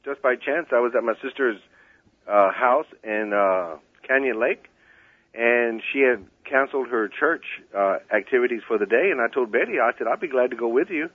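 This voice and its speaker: A man's voice: medium pitch, normal speed, dry recording. A man calling in to a radio show over his cell phone, telling a rambling story full of "uh" and "you know" fillers. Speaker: radio caller. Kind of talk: casual call-in chat. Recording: tinny phone line.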